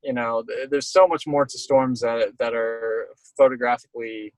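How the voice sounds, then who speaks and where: A man's voice: mid-range voice, steady tone, normal speed, dry recording, poor audio. A middle-aged man speaking as an interviewed storm chaser, casual and reflective, talking in rambling stop-start phrases.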